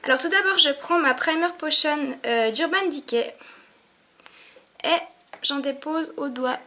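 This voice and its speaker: A sniffling beauty vlogger with a cold talks her way through a makeup tutorial at home before a mirror, full of fillers. Her high, bright voice carries a forceful tone at a measured pace.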